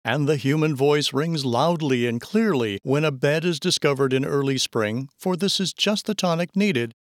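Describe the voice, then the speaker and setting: A man narrating audiobook excerpts in a measured, even storytelling manner. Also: on the high side, dry recording, studio quality.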